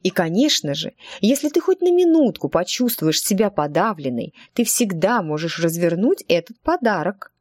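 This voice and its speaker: A fussy, chatty witch teacher, as a woman reading an audiobook puts her on, rambling and gently evasive. Her lowish voice swoops up and down lively, recorded dry and close. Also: normal speed, few pauses, no echo. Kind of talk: audiobook character voice.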